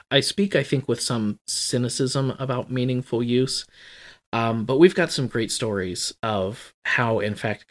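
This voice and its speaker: A man's voice: mid-range voice, fairly bright tone. A man explaining a topic at length in casual conversation, talkative and wry, often correcting himself. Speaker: guest explaining healthcare IT.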